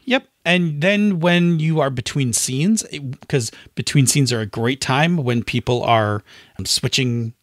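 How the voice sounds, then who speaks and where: A man co-hosts a podcast, giving tabletop game advice in a casual, emphatic chat and often checking in with the listener. His voice is mid-range at a measured pace, recorded clean in a studio with no echo.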